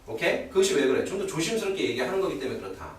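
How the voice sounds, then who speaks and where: Middle-aged male grammar teacher, lively up-and-down delivery, fairly high voice, keeps checking in with the class, picked up from afar in a very echoey room. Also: racing, recorded from a distance, a little hiss or hum. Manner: keeps checking in with rhetorical questions. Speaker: English teacher. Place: classroom at a cram school.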